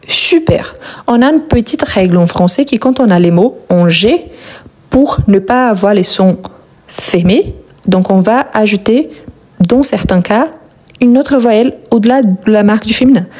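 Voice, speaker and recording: A woman teaching French in a live online lesson. She talks slowly and patiently, with a mellow, slightly husky voice, repeating each word and praising answers as she goes. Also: fairly high pitch. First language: Portuguese.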